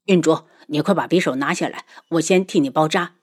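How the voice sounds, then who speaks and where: A woman's voice: fairly low pitch, very animated, normal speed, darkish tone. A woman voicing a hot-headed, stubborn young man in an audiobook, earnest and defiant. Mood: pleading. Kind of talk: audiobook character voice.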